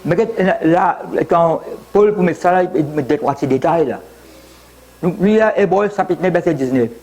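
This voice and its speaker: High-voiced older Mauritian pastor preaching. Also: male voice, expressive, normal speed, a little mellow. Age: 70s. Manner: preaching with repetitions, switching briefly into English. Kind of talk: sermon.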